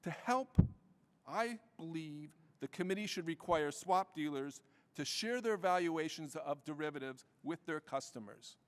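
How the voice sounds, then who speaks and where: A man in his fifties reading prepared testimony at a hearing in a measured way. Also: a little high, animated, slight background noise. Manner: measured, reading prepared remarks with bursts of speed. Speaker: tax lawyer testifying as witness. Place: large hearing room. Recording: long reverb of a hearing room.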